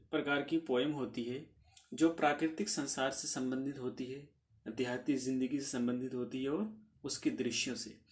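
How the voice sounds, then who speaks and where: A man teaching a literature lesson for exam preparation, reading English definitions slowly and then explaining them, now and then clearing his throat and correcting himself. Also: mid-range voice.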